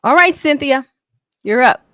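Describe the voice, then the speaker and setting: A woman's voice: high voice, animated, a little slow, sharp tone, no echo. Encouraging woman co-host, dry sound. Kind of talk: casual chat.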